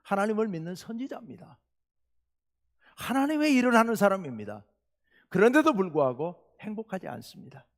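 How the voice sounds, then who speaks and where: A man preaches from the pulpit, his fairly high voice carrying through a church with a long reverb. He tells a story animatedly, swinging between loud outbursts and quiet, confiding asides. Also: big pitch swings, fairly quick, pauses often. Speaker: pastor. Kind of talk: sermon. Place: church sanctuary.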